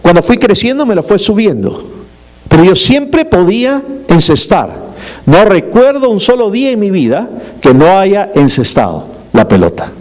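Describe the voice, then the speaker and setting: A man's voice: sits high, sing-song, moderate pace, darkish tone. A middle-aged male pastor delivering a sermon in a conversational way, with humorous asides and frequent rhetorical questions.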